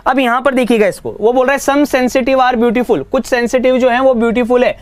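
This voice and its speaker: Guy teaching a live exam class, quick and pushy, smooth clear voice, dry close sound. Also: extremely high pitch, fairly even intonation, no echo. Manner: brisk, coaxing, mixes Hindi with English. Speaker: online reasoning teacher.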